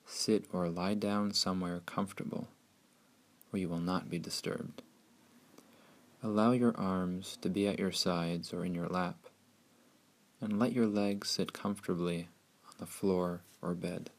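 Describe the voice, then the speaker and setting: A man narrating a scripted guided meditation in a soothing, hushed, unhurried way with long pauses. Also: low-pitched, fairly even intonation.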